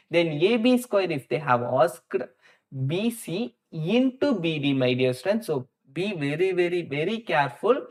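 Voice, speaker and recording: A man with an Indian accent teaching a live maths lesson, thinking out loud as he works through problems step by step and addresses students directly, often repeating words for emphasis. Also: fairly high pitch. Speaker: maths teacher hosting a live online class.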